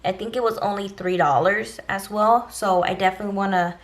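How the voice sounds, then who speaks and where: A woman's voice: mid-range voice, fairly even intonation, brisk. A woman talking casually and directly to viewers as a beauty vlogger, giving an informal shopping haul review.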